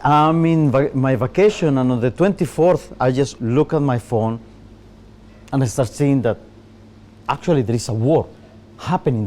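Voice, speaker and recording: Mellow and mid-range, the voice belongs to a chef from Colombia guiding a visitor through a bakery on location. He explains earnestly during the interview, frequently restarting and filling pauses, with a little hiss or hum in the recording.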